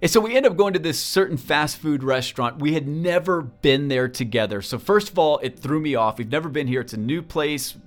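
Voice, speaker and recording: A man telling a personal story in a talk, earnest and halting, often repeating words as he goes. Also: a little high, animated. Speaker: speaker.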